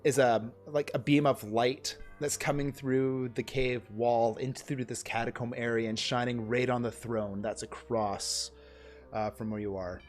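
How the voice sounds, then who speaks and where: A man's voice: medium pitch, fairly even intonation, measured pace, faint music behind. A man narrating a tabletop game as game master on a stream, describing scenes in a loose, rambling way with many fillers.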